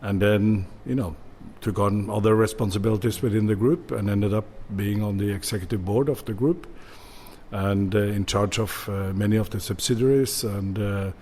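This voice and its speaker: A man's voice: fairly low pitch, steady tone, normal speed, warm tone, a little hiss or hum. A man in his sixties from Norway, a bodega owner answering interview questions with many fillers and restarts.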